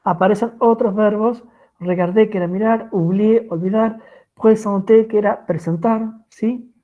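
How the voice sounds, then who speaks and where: A woman's voice: mid-range voice, steady tone, normal speed. A woman with an Argentine Spanish accent teaching French grammar in an online class, patient and checking in with her students often. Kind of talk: online lecture explaining grammar. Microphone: video call. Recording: tinny phone-like video call audio.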